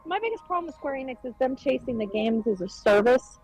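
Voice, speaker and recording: A woman's voice: sits high, animated, brisk, a little mellow, faint music behind, low-quality recording. A woman co-hosting a gaming podcast over a remote call, rambling in casual chat with lots of fillers and restarts. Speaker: podcast co-host. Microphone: remote call-in mic.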